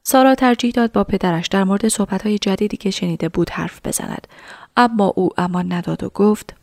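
A woman narrating a story in a soft, half-whispered reading voice. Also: mid-range voice, creaky, no echo, clean studio sound.

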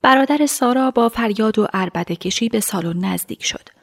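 A woman narrating a story in a measured voice, dropping to a hush at times. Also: a little high, vocal fry.

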